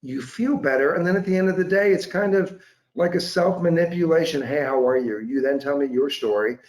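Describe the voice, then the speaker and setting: A man in his forties talking on a video call from home, telling a story with impassioned, animated energy. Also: fairly high pitch, brisk. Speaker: guest. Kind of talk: casual interview chat. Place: home room with large windows. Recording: echoey room.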